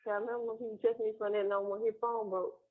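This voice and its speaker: A woman chatting fast and slangy on a recorded payphone call from jail. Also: on the high side, little pitch movement, phone-quality sound. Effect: payphone call line. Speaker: caller on a jail phone call. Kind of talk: casual phone chat.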